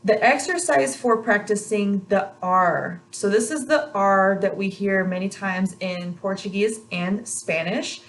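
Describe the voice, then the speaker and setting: A woman's voice: medium pitch, a little slow, hardly any pauses, low-quality recording. A woman giving an instructional pronunciation lesson on rolled R exercises, repeating practice sounds in an encouraging way. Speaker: language pronunciation teacher.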